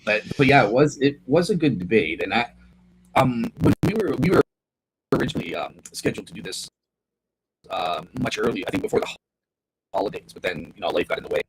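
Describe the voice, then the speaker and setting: A man's voice: fairly low pitch, big pitch swings, fairly quick, pauses often. A man talking as a debate guest over an online call, hesitant and restarting his words, his audio full of static and jumping in volume. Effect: static-filled audio with uneven, dropping volume. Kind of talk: conversational debate review. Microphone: online call microphone.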